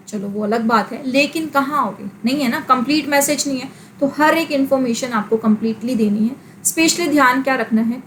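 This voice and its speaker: A woman teacher, lecturing slowly and explaining with everyday examples, mixing English terms into Hindi. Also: high-pitched, slight background noise, rough recording. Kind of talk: classroom lecture.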